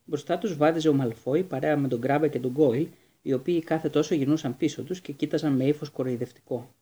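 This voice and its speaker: A man narrating a storybook in a steady, measured reading. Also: on the high side, slightly rough. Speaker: audiobook narrator.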